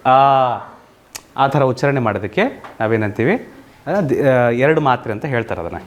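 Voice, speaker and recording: A man teaching children in an online coaching lesson, often asking checking questions and mixing in English words. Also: a little high. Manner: quizzing, asks many checking questions. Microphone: single mic, online class recording.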